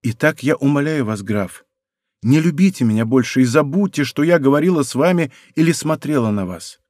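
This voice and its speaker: A hushed composed princess, read by a man. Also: medium pitch, dry recording, studio quality, close to an everyday voice. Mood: quiet, composed. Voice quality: soft, hushed. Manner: calm, deliberate and quietly firm. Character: proud young princess, cool and composed. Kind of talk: audiobook character voice.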